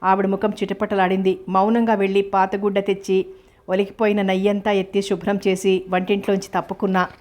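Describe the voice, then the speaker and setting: Female audiobook narrator, steady even reading, little pitch movement, novel narration. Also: a little fast. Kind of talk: first-person novel narration.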